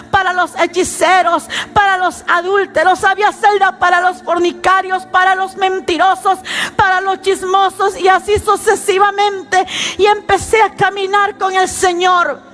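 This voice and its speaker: A woman giving a religious testimony at church, telling it slowly and with dramatic emphasis. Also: very high voice, fairly bright tone.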